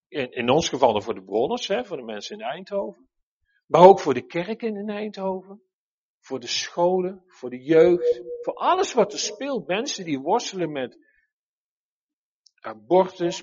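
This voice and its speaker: A man preaching a sermon in an earnest, animated way, often restarting his sentences. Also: high voice, husky, muffled recording.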